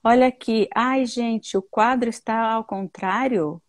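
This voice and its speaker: A woman's voice: a little high, measured pace, no echo. A woman with a Brazilian accent hosting a casual live English lesson, chatting with viewers and mixing English words into her Portuguese.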